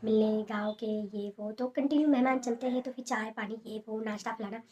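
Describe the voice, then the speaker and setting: A young woman talking softly and casually at home, showing sarees in a haul video with many fillers. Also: a little high, steady tone, fairly quick. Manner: soft, hushed talk with many fillers. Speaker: fashion vlogger showing sarees. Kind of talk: casual product haul chat.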